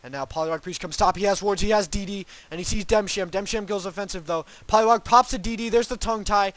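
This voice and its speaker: In a dry recording, a young male caster with a high-pitched, fairly bright voice gives solo play-by-play commentary on an esports match. He has a cold and sounds congested. He rambles, hedges, and keeps saying um and restarting.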